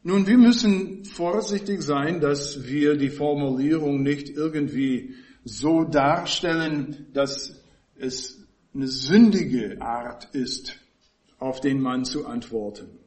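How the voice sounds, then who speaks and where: A man giving an expository Bible teaching, explaining the text in a measured way and stressing key words with pauses. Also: on the high side, a little mellow.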